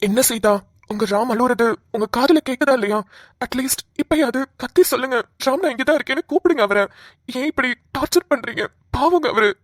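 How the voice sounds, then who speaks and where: A woman's voice: sits high, fairly quick, no echo, clean studio sound. A woman voicing a blunt, coaxing young male police officer in a cartoon. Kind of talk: cartoon voice acting.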